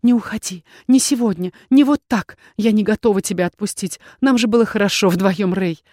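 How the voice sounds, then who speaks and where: A woman voicing a jealous, abandoned noblewoman who shouts and pleads through tears. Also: lively intonation, unhurried, creaky, no echo, clean studio sound. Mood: pleading. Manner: shrill pleading and shouting, tearful.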